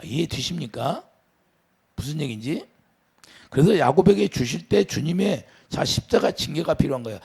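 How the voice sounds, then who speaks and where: Man, pastor, sermon, gravelly, husky, lively swings in pitch, questions to the congregation. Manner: preaching with sudden rises and drops, asks the congregation questions.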